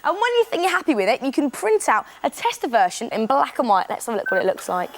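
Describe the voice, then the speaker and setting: Against a noisy background, a very animated woman with a high-pitched voice talks fast while hosting a kids' craft program. She explains every step in a cheerful, encouraging, upbeat way.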